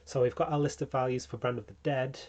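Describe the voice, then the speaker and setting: A man's voice: medium pitch, fast talker. A man hosting a branding tutorial, talking casually with frequent ums and small restarts. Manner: relaxed, many ums, self-correcting. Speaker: channel host teaching branding.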